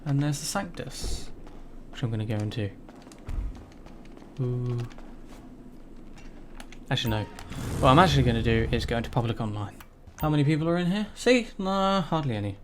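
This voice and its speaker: Twenties male YouTuber, average pitch, casual gameplay chatter, noisy background. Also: lively intonation, normal speed, pauses often. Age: 20s. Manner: rambling, mildly frustrated, swears casually. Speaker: gaming YouTuber.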